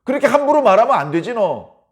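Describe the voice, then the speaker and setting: A pastor playing a gruff scolding criminal man. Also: very high-pitched, sing-song, quick pace, voice pushed up. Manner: rough, blunt scolding. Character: brash crucified male criminal, scolding his fellow.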